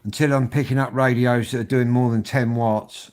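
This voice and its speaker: A man's voice: mid-range voice, steady tone, normal speed, a little mellow. A man from England casually reviewing a handheld radio, chatty and jokey.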